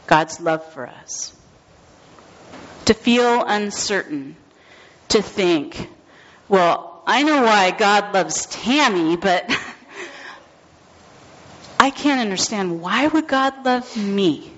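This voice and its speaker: A woman pastor giving a gentle, deliberate sermon, speaking to the congregation by name. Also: mid-range voice, lo-fi sound.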